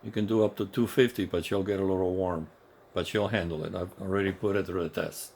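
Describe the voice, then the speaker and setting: A radio technician with a low, slightly mellow voice speaks briskly and with fairly even intonation as he demonstrates repeater equipment. English isn't his first language, and his hands-on explanation is informal and enthusiastic. Clear workshop ambience fills the background of his indoor home electronics space.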